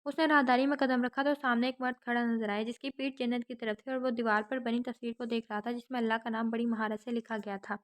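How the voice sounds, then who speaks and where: A woman narrating a romantic novel as an audiobook in a steady, dramatic reading. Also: a little high, hardly any pauses.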